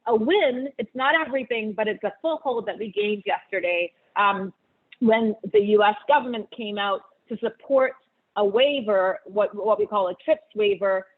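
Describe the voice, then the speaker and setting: A woman from Barbados, a panelist, talking thoughtfully over a video call with many pauses and fillers. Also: mid-range voice. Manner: thoughtful, many ums and uhs. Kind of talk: conversational answer on a video call. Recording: tinny phone-like video call audio.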